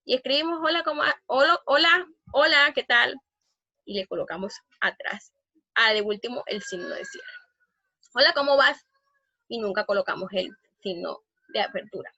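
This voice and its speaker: A woman teaching a grammar lesson in an emphatic way, often pausing on fillers and restarting phrases. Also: medium pitch, sharp tone, no echo, lo-fi sound.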